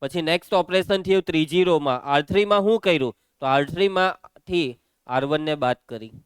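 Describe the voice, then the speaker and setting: A man teaching a maths lesson, walking students briskly through each step. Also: fairly high pitch, smooth, no echo.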